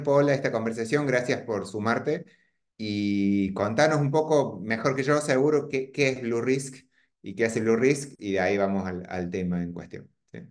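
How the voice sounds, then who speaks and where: A man hosts an online webinar. He speaks over a video call in a hesitant way, with frequent "eh" fillers and restarts. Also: on the low side. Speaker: host and company founder. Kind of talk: webinar introduction.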